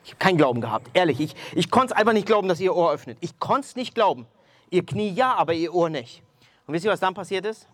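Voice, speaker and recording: Brief: male preacher, somewhat high voice, animated testimony, dry close sound. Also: fast, dry recording. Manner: animated storytelling, addresses listeners directly. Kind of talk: sermon testimony.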